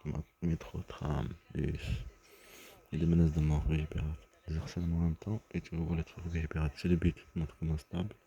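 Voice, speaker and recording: A man's voice: very deep voice, little pitch movement, a little fast, warm tone. A man talking in a rambling personal monologue, agitated and often stumbling over and repeating his words. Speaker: vlogger.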